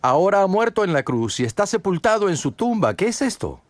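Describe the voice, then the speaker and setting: A man's voice: high voice, big pitch swings, fairly quick, dry recording. A man preaching a sermon, earnest and direct, asking many rhetorical questions and speaking straight to the listener. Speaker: pastor.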